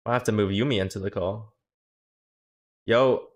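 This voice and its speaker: The voice is fairly low with fairly even intonation: a young streamer and coach chatting casually with viewers. He jokes, uses profanity, and responds with quick reactions.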